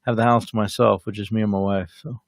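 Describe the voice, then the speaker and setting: A man in his forties co-hosting a casual ministry livestream from home, speaking in an easygoing, agreeable way with halting fillers. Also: on the low side, little pitch movement, no echo, clean studio sound. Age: 40s. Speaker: ministry co-host who prays for viewers.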